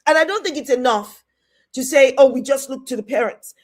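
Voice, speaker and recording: A woman's voice: high-pitched, brisk. A middle-aged British woman hosting a show, delivering a heated commentary rant in an indignant, scolding way and repeating herself for emphasis. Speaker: host.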